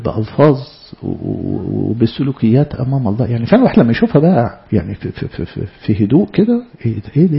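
Animated, gravelly Egyptian preacher. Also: male voice, medium pitch. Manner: animated, voices God's words directly to the listener. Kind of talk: sermon. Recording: dull lo-fi recording.

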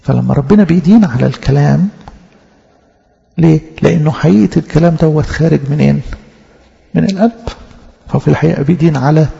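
A man's voice: a little high, fast, vocal fry, pauses often, warm tone. A man with an Egyptian Arabic accent preaching a Bible-study sermon, explaining emphatically and asking rhetorical questions. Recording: lo-fi echoey hall.

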